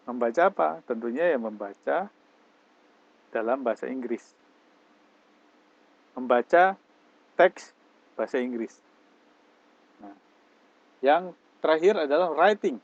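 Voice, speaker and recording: A man's voice: medium pitch, animated, takes it slowly, long pauses, no echo, highs cut off. A man teaching English, explaining step by step and mixing English phrases into his lecture. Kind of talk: classroom lecture.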